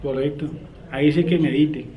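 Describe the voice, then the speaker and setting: A man's voice: on the high side, fairly even intonation, normal speed, phone-quality sound. A man teaching a Bible study class, asking his students questions and leaving sentences open for them to finish. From Colombia. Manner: quizzing students with fill-in questions. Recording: roomy, faint background noise.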